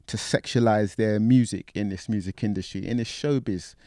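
A man's voice: on the low side, normal speed, warm tone, dry recording, clean studio sound. A man interviewing casually, with laid-back street slang.

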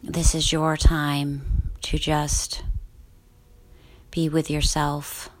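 A woman guiding a sleep meditation in a soft, slow, soothing whisper. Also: deep voice, monotone. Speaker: guided relaxation host.

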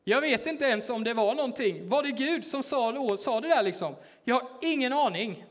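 A man's voice: extremely high pitch, animated, fairly bright tone. A man preaching in a church, telling a personal story in a casual, hesitant way with many fillers. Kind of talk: sermon told as a personal story.

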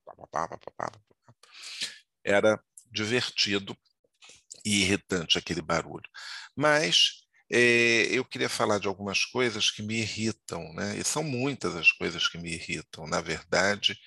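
Chatty low-voiced Brazilian man teaching grammar. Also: creaky, bright, forceful tone, breathy edge, dry recording. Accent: Brazilian Portuguese. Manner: chatty, digressive, frequent tag questions. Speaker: Portuguese teacher. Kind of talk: casual grammar lesson.

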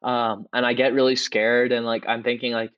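Excitable young man telling a story. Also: medium pitch, normal speed, no room sound, muffled recording. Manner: excitable, lots of "like" and restarts. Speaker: podcast co-host. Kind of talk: casual podcast storytelling.

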